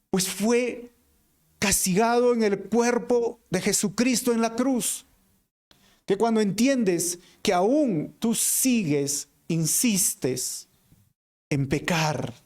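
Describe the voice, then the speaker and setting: A pastor preaching a sermon with a Peruvian Spanish accent, earnest, swinging between emphatic lines and hushed ones and calling the listeners brothers. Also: male voice, high voice. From Peru.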